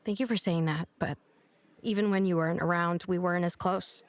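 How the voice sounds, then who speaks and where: A woman's voice: on the low side, fairly even intonation, fairly quick, lightly acted. An actress playing a blunt, sarcastic young woman in an audio drama, talking dry, direct and teasing. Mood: earnest. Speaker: [name].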